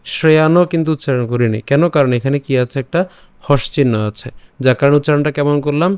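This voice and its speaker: A man teaching an online lesson, patiently breaking words down and repeating them slowly, syllable by syllable. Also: on the high side, fairly even intonation, darkish tone, smooth, dry recording. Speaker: Gita recitation teacher.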